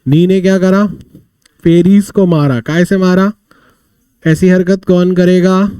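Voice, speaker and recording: A man's voice: high voice, fairly even intonation, slow pace, warm tone, smooth, dry recording. A man teaching a vocabulary class, telling little stories to explain words and asking and answering his own questions. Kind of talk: live online vocabulary class.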